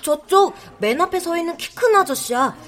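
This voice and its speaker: A woman voicing the ghost of a young child in an audio drama, pleading urgently or speaking in a hushed, low tone. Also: animated, moderate pace.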